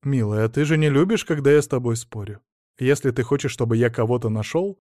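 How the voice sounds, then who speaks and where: A meek little old husband, as a male narrator plays him, speaking softly and resignedly, never raising his voice. The reading sounds close and dry. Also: medium pitch, fairly quick, no room sound, natural voice. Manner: soft, resigned, mild. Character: meek, quiet elderly husband, small and submissive.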